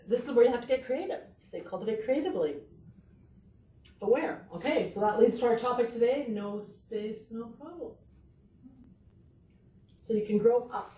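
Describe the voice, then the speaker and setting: Middle-aged woman as a horticulture speaker: chatty and joking, warm low-key tone, recorded from across a roomy hall with light hiss. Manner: chatty and joking, asks the audience questions. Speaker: horticulturist giving a library talk. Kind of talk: lively gardening presentation to a live audience. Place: library meeting room. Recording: roomy sound from a distant mic with faint noise.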